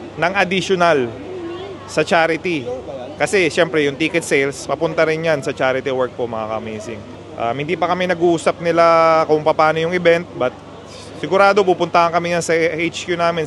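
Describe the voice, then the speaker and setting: Brief: animated male host, high voice, faint street noise, casual storytelling. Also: normal speed. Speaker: motorcycle club host.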